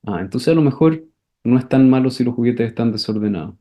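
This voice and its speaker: Male teacher, mid pitch, explains calmly, then acts out scenes loudly. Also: fairly quick. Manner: acts out scenes with sudden shouted voices, repeats words. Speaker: enneagram teacher. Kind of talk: class lecture with questions and answers.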